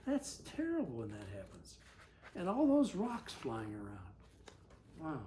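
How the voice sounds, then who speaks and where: A storyteller reads a picture book aloud to children, stopping between lines for folksy, conversational asides. The voice is mid-range and warm with huge pitch swings and a slightly slow pace, recorded in a reverberant space with a little hiss or hum.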